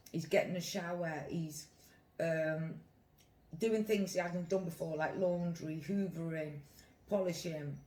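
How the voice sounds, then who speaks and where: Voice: mid-range voice, a little mellow. A British vlogger talking casually and giving opinions to camera, rambling and repeating phrases for emphasis. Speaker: mukbang vlogger. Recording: echoey room.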